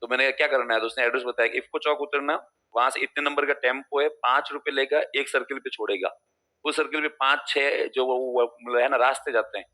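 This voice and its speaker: A man gives a classroom lecture in a bright, forward voice. He talks in a loose, chatty way, drifts into personal stories and acts out regional speech. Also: mid-range voice, steady tone, fairly quick. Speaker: teacher.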